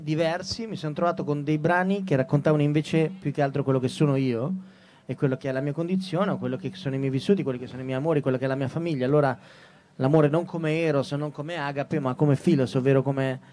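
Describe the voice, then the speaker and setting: A man's voice: a little high, fairly even intonation, quick pace, a little mellow. A man, a singer-songwriter being interviewed, speaking reflectively and searching for words. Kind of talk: interview conversation.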